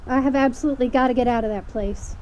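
A woman plays a guarded young woman who snaps back in short, defensive lines. Her voice sits high but sounds mellow and soft-edged, with faint noise behind it on a stage recording. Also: steady tone, brisk, highs cut off, close to an everyday voice. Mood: curt. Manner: curt, defensive retorts. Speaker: stage actor. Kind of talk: stage play performance.

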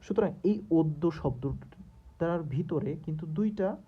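A man's voice: on the high side, lively intonation, takes it slowly, breathy edge. A young man teaching a grammar lesson, working through exercises and patiently repeating each question step by step. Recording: dull lo-fi recording.

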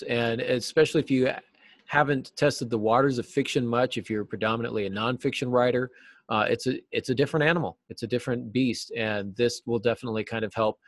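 Over a video call from a small indoor office, a middle-aged man guests in an interview as a writing teacher, answering conversationally. His voice is medium-pitched and the recording is dry.

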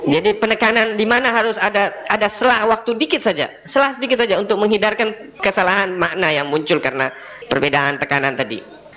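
A male religious teacher guiding a group through prayer recitation, switching between slow drawn-out chanting and quick explanations. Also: sits high, pushed and bright. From Indonesia. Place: study gathering hall.

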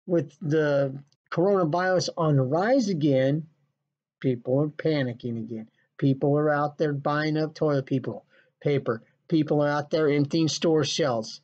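Man ranting profanely in a basement, lo-fi. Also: a little high. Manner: profane, sarcastic, scolding. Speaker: vlogger. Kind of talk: ranting vlog monologue. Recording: dull lo-fi recording.

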